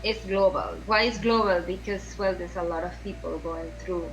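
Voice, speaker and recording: In this low-quality recording with a little hiss or hum, a woman from Venezuela talks at normal speed in a fairly low, steady voice. She's a podcast guest in a conversational interview, speaking with a Venezuelan Spanish accent and earnestly restarting and repeating phrases while hunting for words.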